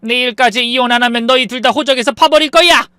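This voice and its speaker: A woman's voice: a little high, fast talker, bright, forceful tone, clear, resonant tone, no room sound, studio quality, pitched above the performer's own voice. A woman voicing a domineering older mother-in-law who talks with scorn and scolds. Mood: scornful. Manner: scolding, contemptuous.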